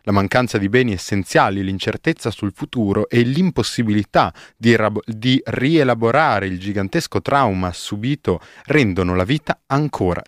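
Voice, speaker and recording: A man's voice: on the low side, dry recording, studio quality. A man presenting radio news, reading scripted items and introducing reports.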